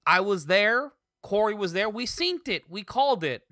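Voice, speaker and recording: A man co-hosting a casual sports podcast, making his points animatedly with drawn-out emphasis and easy laughter. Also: sits high, expressive, bright, forceful tone, no echo, studio quality. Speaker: podcast co-host.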